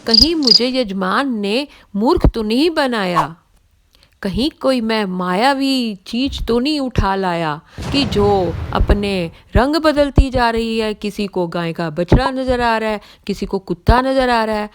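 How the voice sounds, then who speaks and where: A woman voicing an irritable, easily confused male village priest in an audio story, scolding and shouting in disbelief. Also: a little high, expressive, unhurried, a little hiss or hum. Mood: bewildered.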